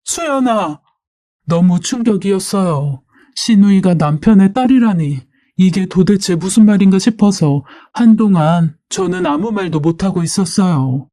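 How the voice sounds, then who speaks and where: Mellow woman reading a story aloud. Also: lowish voice, normal speed, few pauses, no echo, clean studio sound. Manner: steady first-person storytelling. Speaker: story narrator.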